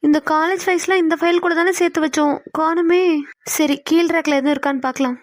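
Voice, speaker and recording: A woman voicing a chatty, easily flustered young female office worker in a cartoon, quick to protest. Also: very high-pitched, fairly even intonation, no echo, studio quality. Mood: matter-of-fact. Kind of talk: cartoon voice acting.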